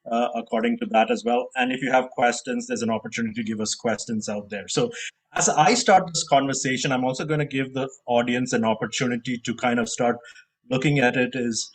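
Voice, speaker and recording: A man with a mid-range voice moderates a panel over a video call. He speaks casually, with plenty of fillers and self-corrections. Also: mid-range voice. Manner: casual, with many fillers and restarts. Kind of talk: moderating a live-streamed panel.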